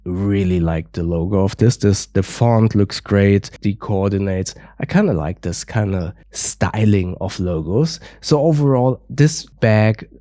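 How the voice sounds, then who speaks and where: Lowish and dark in tone, this man's voice moves unhurriedly with few pauses as he reviews gear, congested from a cold. He's careful and methodical, sprinkling in small hedges like "a little bit." The sound is clean studio audio with no room sound.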